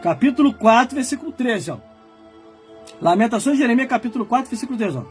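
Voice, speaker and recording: Brazilian male pastor in his forties, very high voice, fiery shouting sermon, faint music behind. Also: lively intonation, fast. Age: 40s. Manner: fiery preaching, shouting and exhorting.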